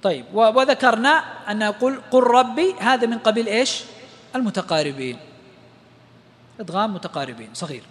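A man teaching the rules of Quranic recitation, explaining each rule and then chanting short verse examples slowly. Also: sits high, expressive, big-room sound. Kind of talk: tajweed lesson.

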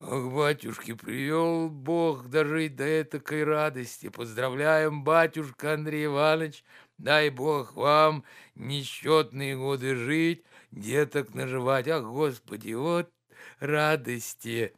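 A man playing a fussy, doting old house servant with a slow, wheezy, fawning way of talking. He drags out his words and bows over every phrase, in the manner of a classic audiobook character. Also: fairly high pitch, a bit bright, clear, resonant tone. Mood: overjoyed.

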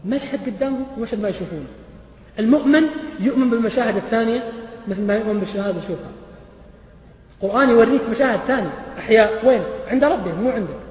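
A man preaching a sermon, asking the audience animated rhetorical questions. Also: extremely high pitch, very fast. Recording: echoey hall, dull lo-fi sound.

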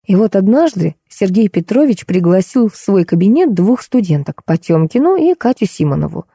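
A woman narrating a detective novel audiobook in an even, measured way. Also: mid-range voice, husky, no room sound, studio quality. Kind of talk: scripted narration.

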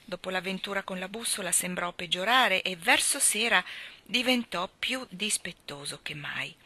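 Animated woman reading a storybook aloud. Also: medium pitch. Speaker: reader of a children's book. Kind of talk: expressive audiobook reading.

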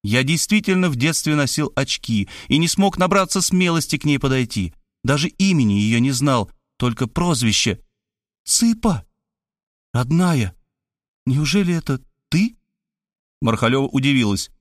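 A man narrating an audiobook in the first person with expressive storytelling. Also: medium pitch, brisk, dry recording, clean studio sound.

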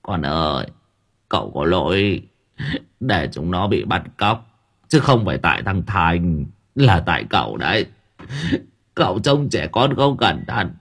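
A man playing a guilt-ridden older uncle in a spoken story, with a soft, quavering voice. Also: very animated, unhurried, breathy edge, exaggerated voice. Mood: tearful. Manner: quavering, apologetic, low and soft.

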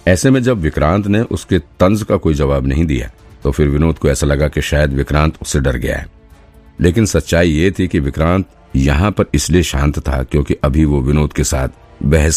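A man narrating an audiobook in a steady storytelling manner. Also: extremely low pitch. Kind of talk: scripted narration. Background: faint background music.

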